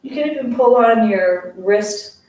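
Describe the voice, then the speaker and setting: This Maine woman, accent and all, runs a laid-back morning exercise session, chatting and cheering people on in an easy manner. She talks a bit slowly in a highish, somewhat mellow voice, captured by a distant microphone in a very reverberant room with faint background noise.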